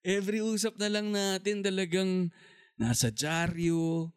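A man's voice: sits high, steady tone, a little slow, clean tone. A man hosting a talk show in a playful, teasing casual chat. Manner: teasing, joking, plays skits. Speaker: podcast host.

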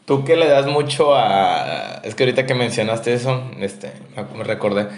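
A man's voice: mid-range voice, animated, normal speed, reverberant, slight background noise. A man from Nuevo León with a northern Mexican accent, co-hosting a podcast in rambling, slangy casual chat. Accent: northern Mexican (Monterrey). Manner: rambling, slangy, asks questions. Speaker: podcast co-host.

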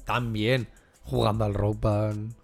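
A man's voice: lowish voice, flat delivery, takes it slowly, a little mellow, soft background music. A young man, co-hosting a podcast in casual, rambling, profane chat full of fillers and restarts. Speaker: podcast co-host.

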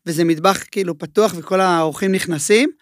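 A man talking as a chef guest in a casual interview. He tells his stories in an animated way and uses a lot of filler words. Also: high-pitched, no echo, clean studio sound. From Israel.

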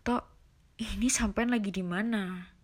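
A woman's voice: mid-range voice, fairly even intonation, a little slow, a little hiss or hum, lightly acted. A woman voicing an older male senior driver with a thick Javanese accent, asking puzzled questions on a phone call.

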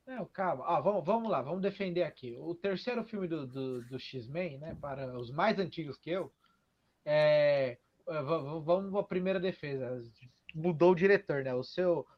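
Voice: medium pitch, dull audio. A speaker with a Brazilian Portuguese accent in a casual chat about movies, joking sarcastically with exclamatory asides.

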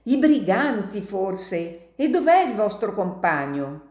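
A woman voicing a brave, loyal young male villager who speaks in urgent, loud exclamations, read aloud as a storybook. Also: mid-range voice, very animated, takes it slowly, roomy sound, voice pushed up. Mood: alarmed.

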